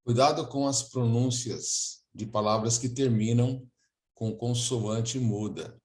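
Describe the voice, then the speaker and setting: A man with a Brazilian accent teaching an English lesson and pronouncing model sentences slowly and deliberately for students to repeat. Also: mid-range voice, fairly even intonation, darkish tone, echoey room. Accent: Brazilian Portuguese. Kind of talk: language lesson.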